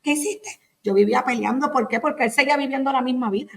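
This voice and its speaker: A woman's voice: sits high, racing, vocal fry. A woman, a podcast guest giving a personal faith testimony and acting out the voices of people in her story. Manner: animated storytelling, acting out quoted speech.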